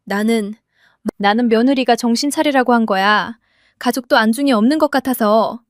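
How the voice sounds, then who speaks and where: A woman's voice: on the high side, moderate pace, no room sound, clean studio sound, natural voice. A woman voicing a scornful, domineering older mother-in-law who scolds sharply. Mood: scolding.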